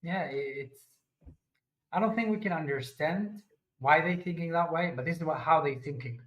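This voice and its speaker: Earnest Israeli man, halting English, echoey. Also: a little high, highs cut off. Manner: earnest, halting non-native English with restarts. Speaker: guest, army reservist. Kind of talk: interview answers. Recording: echoey room.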